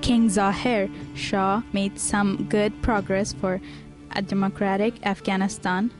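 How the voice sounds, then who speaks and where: A woman giving measured, formal, scripted documentary narration. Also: mid-range voice, flat delivery, over music.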